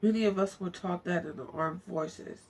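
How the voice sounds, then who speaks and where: With a fairly low, slightly mellow voice at normal speed, an amateur narrator reads a book aloud in an informal way. She trips over words and stops now and then for chatty asides to herself. Faint background noise is audible.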